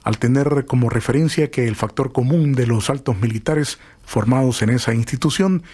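A male radio host with a voice of middling pitch who talks his listeners through the afternoon's music and news. He hesitates between phrases and then reads news items in a measured, informative way. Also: darkish tone, slightly rough. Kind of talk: radio talk show hosting and news commentary.

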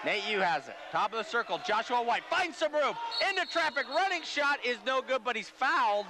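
Play-by-play caller, male, very high voice, rapid excitable delivery, loud background noise. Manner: rapid, excitable calling of the action. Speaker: play-by-play commentator. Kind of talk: basketball play-by-play commentary.

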